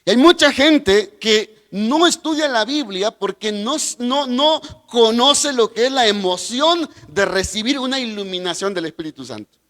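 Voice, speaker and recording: High-voiced man teaching a Bible class. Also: expressive, measured pace, a bit bright, long reverb tail. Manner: talks directly to viewers, with asides and personal stories.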